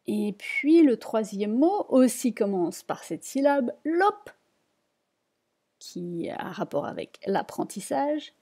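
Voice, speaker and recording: A woman's voice: on the high side, lively intonation, takes it slowly, hardly any pauses, mellow, slightly rough. A woman teaching a reading lesson, patiently repeating each word and explaining it. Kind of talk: slow spoken lesson.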